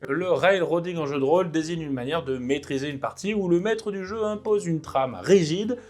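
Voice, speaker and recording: A man hosting a casual video essay on tabletop role-playing, chatty and lively, full of fillers. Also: on the high side, normal speed. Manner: chatty, lively, drops fillers like "bah" and "hein". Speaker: tabletop RPG video host.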